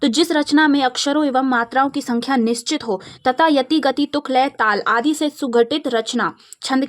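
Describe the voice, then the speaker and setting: A young woman from India with a Madhya Pradesh Hindi accent, teaching an exam revision lesson and explaining terms step by step. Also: high voice. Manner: steady explaining, slows to recite verse examples.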